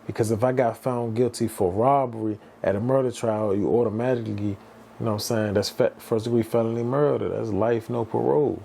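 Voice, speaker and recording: Gravelly-voiced man from the D.C. telling his story. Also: fairly low pitch, fairly even intonation, a little fast, warm tone, a little hiss or hum. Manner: loose slang-heavy talk, many restarts and "bruh". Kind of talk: casual storytelling to camera.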